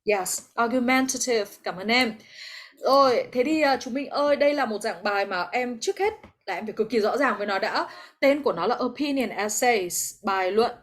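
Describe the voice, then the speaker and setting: A woman English teacher with a Vietnamese accent leads an online class over a video call. Her voice sits fairly high. She explains step by step and encourages her students, mixing English terms into her explanations. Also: a little fast.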